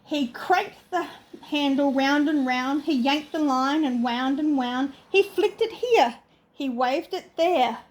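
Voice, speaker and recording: A woman's voice: high-pitched, slow pace, rough recording. An older woman, a sweet old lady and doting grandmother, reads a children's storybook aloud expressively and adds chatty asides for her grandchildren. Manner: animated, expressive reading.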